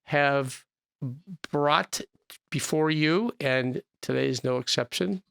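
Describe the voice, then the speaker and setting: A man in his sixties hosts a podcast into a studio microphone, earnest and a little rambling, doubling back on his words. His voice is gravelly in a dry, close studio. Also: fairly high pitch, slow, fairly bright tone, no echo. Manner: earnest, repetitive, with many restarts. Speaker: podcast host. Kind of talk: podcast interview. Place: small studio. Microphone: studio mic with headphones.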